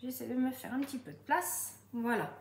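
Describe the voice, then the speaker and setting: Southern French woman, middle-aged, high voice, chatty home-cooking demo, echoey kitchen. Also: expressive, brisk, background noise. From southern France. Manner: chatty, addresses viewers directly. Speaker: Tupperware demonstrator. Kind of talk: casual cooking tutorial.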